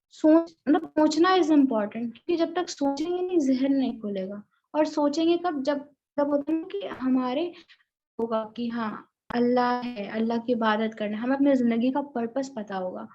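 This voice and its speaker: Lady teacher on an online class call, kinda high voice, muffled lo-fi sound, lots of fillers. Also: darkish tone. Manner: talks to students, checks if they are hearing her, many fillers. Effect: heard over an online call. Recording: dull, lo-fi online call audio.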